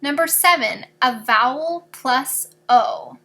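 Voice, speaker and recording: Bright, high-voiced teacher explaining a lesson. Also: female voice, lively intonation, slow pace. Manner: patient, explains step by step with examples. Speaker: fourth grade teacher. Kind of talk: recorded video lesson.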